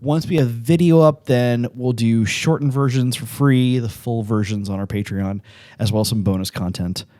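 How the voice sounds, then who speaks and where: A man's voice: mid-range voice, normal speed, dark tone, dry recording, studio quality. A man in his late thirties, co-hosting a podcast in casual chat, self-deprecating and laughing often. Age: 30s. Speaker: podcast co-host.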